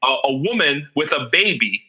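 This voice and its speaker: A man co-hosting a comics podcast, chatting casually and agreeing in quick back-and-forth. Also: fairly high pitch, sing-song, sharp tone, husky. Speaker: podcast co-host. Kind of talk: casual chat about comics. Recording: dull lo-fi audio.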